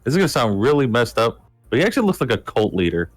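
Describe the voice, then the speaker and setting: A man's voice: mid-range voice, sing-song, fast, dry recording, faint music behind. A man in a casual group chat who makes goofy, absurd jokes.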